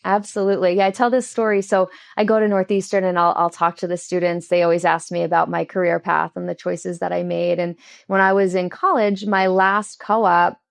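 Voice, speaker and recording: A woman's voice: lowish voice, little pitch movement, brisk, gravelly, no echo, clean studio sound. A woman in her thirties, an engineer and company founder, talking candidly as an interview guest and telling personal stories with frequent restarts. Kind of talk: casual interview conversation.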